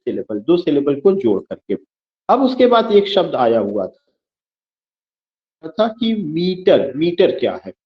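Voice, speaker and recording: Male teacher, fairly high voice, drills terms by repetition and spelling, answers his own questions; dull lo-fi classroom recording. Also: big pitch swings, a little slow, long pauses, echoey room. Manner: repeats key terms and spells words out letter by letter; asks questions and answers them himself. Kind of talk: classroom lecture.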